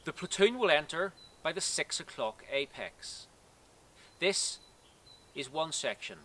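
A man in his thirties teaches field drills outdoors with a bright, forceful voice whose pitch rises and falls a lot as he stresses each step. His delivery is measured and precise, like a prepared military briefing. Faint outdoor noise sits under the voice, picked up by a camera some distance away. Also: expressive. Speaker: cadet force instructor. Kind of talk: scripted instructional talk. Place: outdoors in woodland.

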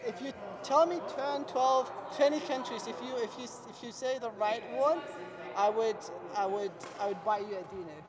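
A high-voiced man with a playful, teasing manner, chatting casually between rallies. He is picked up by a camera across a big indoor sports hall, with loud crowd noise behind him. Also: steady tone, normal speed. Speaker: badminton player. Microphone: far camera.

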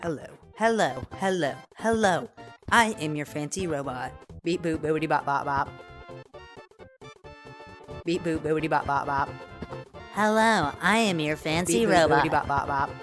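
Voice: mid-range voice, moderate pace, pauses often, a bit bright, lightly acted. Streamer doing a goofy robot voice, sing-song beep boop chant over game music. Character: silly beeping robot. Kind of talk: live game stream, goofing around.

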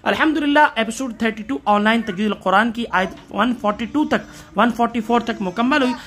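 A man's voice: extremely high pitch, fairly bright tone. A man from Pakistan teaching tajweed, reciting verses and explaining each letter rule step by step, stopping now and then to correct himself.

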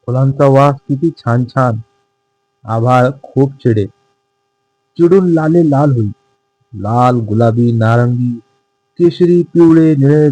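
Man narrating a children's tale, sing-song cadence, slow and mellow. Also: medium pitch, no room sound, poor audio. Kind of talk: reading a children's textbook story aloud.

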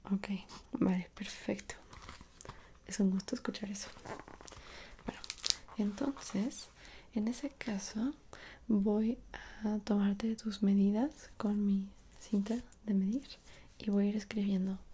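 A young woman with a Mexican accent in an ASMR role-play as a dressmaker, speaking softly and attentively straight to the listener. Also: mid-range voice, fairly even intonation, slight background noise. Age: young adult. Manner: soft, unhurried, attentive, speaking directly to the listener. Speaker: ASMR performer playing a dressmaker. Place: small indoor room at home.

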